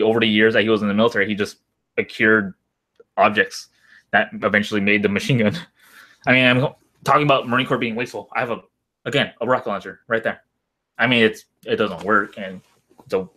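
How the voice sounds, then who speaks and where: Low-voiced young man rambling casually. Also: fairly bright tone. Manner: rambling, hesitant, trailing off. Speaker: live streamer, former Marine. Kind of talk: casual livestream chat.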